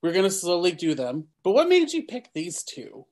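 A man's voice: high-pitched, wildly swooping pitch, normal speed, a little mellow. A man hosting a casual podcast chat, reading film facts and laughing off his slips over names. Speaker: podcast host.

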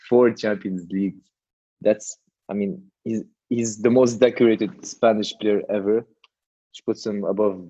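A man with a low, mellow voice co-hosts a casual football chat. He speaks in a relaxed way, laying out his points step by step with the odd bro or man. The recording sounds dull and lo-fi. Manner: relaxed, says "bro" and "man", builds his case in plain steps. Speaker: podcast co-host.

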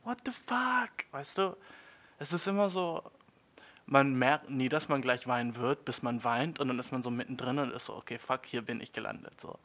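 A man's voice: normal speed, a bit bright. Slangy rambling young man. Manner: slangy, rambling, jumps to high squeaky mock voices. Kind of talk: comedic monologue.

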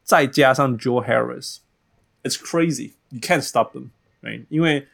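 A man hosts a casual sports conversation in a Taiwanese accent. His voice has a creaky, gravelly edge at a medium pitch. He hops between Mandarin and English within a sentence and drives points home by repeating words. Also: slow, fairly bright tone. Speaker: podcast host.

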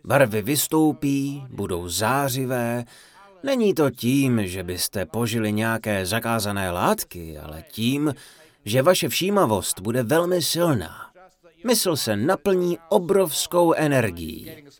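A man delivers a humorous dharma talk as a playful storyteller. His pitch sits in an ordinary middle range, but it swings widely and expressively from line to line. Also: big pitch swings. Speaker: Czech voice-over of a Buddhist teacher's talk.

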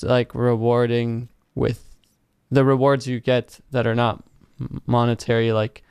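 A man hosting an interview, speaking in a relaxed, thoughtful way with frequent fillers. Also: medium pitch, clear, resonant tone, no echo, clean studio sound. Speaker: interview host. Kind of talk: casual interview chat.

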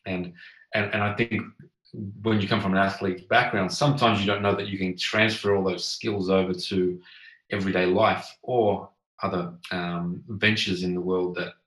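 A man with a fairly low voice hosts a podcast interview. He talks earnestly and somewhat haltingly, in a conversational style, with a roomy echo around his voice. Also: steady tone, a bit bright. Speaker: podcast host.

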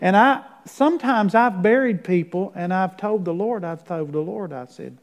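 A middle-aged pastor preaching a sermon. He reads scripture out loud with force, drops into quiet, low asides, and often checks in with his listeners with a "right?". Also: moderate pace. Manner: conversational, often tags lines with "right?". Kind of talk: sermon with Bible reading.

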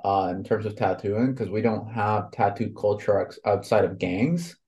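A man in his thirties who grew up in Honduras talks about tattooing in a loose, rambling way. His voice sits a little low, and he leans heavily on fillers as he goes. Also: normal speed, darkish tone. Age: 30s. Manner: rambling, lots of fillers like "you know". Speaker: tattoo artist guest. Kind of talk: casual conversation.

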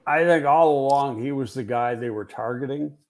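A man's voice: medium pitch, moderate pace. Male football analyst host, mid-range voice, frank and analytical, casual delivery with fillers. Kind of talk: casual football podcast talk.

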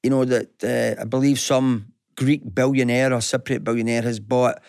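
A man's voice: medium pitch, little pitch movement, normal speed, gravelly, darkish tone, dry recording, studio quality. A Scottish man co-hosting a business talk radio show, chatting in a conversational way with frequent hesitations and restarts. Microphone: studio microphone.

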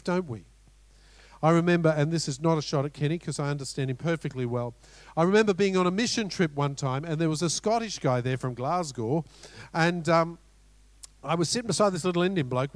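A middle-aged Australian man preaching a sermon as pastor, animated, with rhetorical questions and storytelling asides. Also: on the high side, no echo.

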